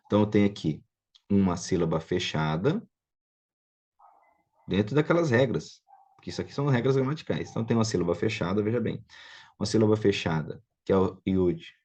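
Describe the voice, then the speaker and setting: A man's voice: lowish voice, animated, moderate pace, long pauses, a little mellow, breathy edge. A man with a Brazilian Portuguese accent giving an informal classroom lecture on biblical Hebrew, explaining step by step and often checking that his students follow. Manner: explanatory, checks understanding with frequent tag questions. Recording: dull lo-fi recording.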